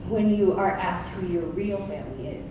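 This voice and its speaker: A woman in her thirties speaks as a panelist in a large conference hall, candid and chatty with little asides, her voice a bit low. She is picked up from far off, with heavy room echo and steady background noise. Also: moderate pace. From Oregon, United States.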